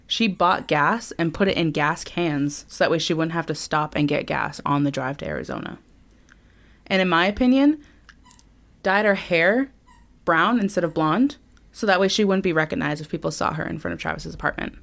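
Young woman podcast co-host, lowish voice, chatty storyteller who laughs a lot. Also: moderate pace, vocal fry, fairly bright tone. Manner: storytelling, laughs often, acts out quotes. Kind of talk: casual chat.

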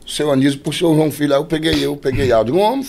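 Um cantor de forró nordestino, homem, contando histórias de bastidor de forma animada, imitando as vozes das pessoas. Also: male voice, a little high, racing, gravelly, a little hiss or hum. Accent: Northeastern Brazilian. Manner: animated, acts out quoted voices. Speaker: forró singer, podcast guest. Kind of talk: casual storytelling.

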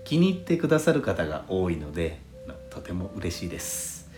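Speaking a little fast in a low, sing-song voice, this man hosts a podcast and reads out listener letters with polite, formal courtesy. Faint lo-fi flute jazz sits softly under a roomy, echoing sound.

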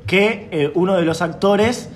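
A man's voice: sits high, a little slow, noisy background. A man hosting an improvised comedy radio show, in a playful mock-serious announcer tone.

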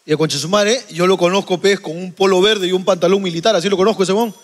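A man's voice: sits high, fast talker. A Peruvian man co-hosting a comedy podcast, telling crude stories with lots of swearing and playful voice mimicry. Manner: animated storyteller, swears freely, mimics voices. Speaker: podcast co-host. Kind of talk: casual comedic banter.

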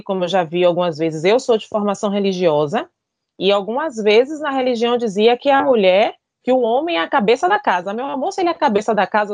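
A woman, talking bluntly and emphatically as a panelist. Her pitch swings widely from phrase to phrase. The recording is dry, with no room sound. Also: darkish tone, no echo. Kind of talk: casual panel discussion.

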